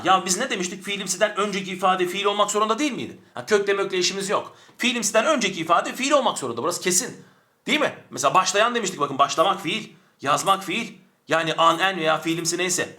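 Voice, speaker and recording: A man teaching a Turkish grammar lesson online, animated, stretching words for emphasis and answering his own questions, recorded a little away from the camera mic. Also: sits high. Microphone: camera mic, speaks from a distance to avoid distortion.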